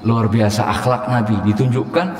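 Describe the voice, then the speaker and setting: Animated male teacher in an echoey hall. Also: medium pitch, moderate pace, faint music behind. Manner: lively, acts out quoted greetings with shifting intonation. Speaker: Islamic teacher. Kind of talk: Quran exegesis lesson. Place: Islamic boarding school hall. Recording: echoey hall with long reverb.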